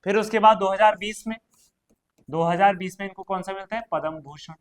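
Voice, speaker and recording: A man's voice: sits high, brisk. A man teaching an exam prep lesson, quizzing students and repeating each question and answer, chatty and addressing them directly. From Uttarakhand, India.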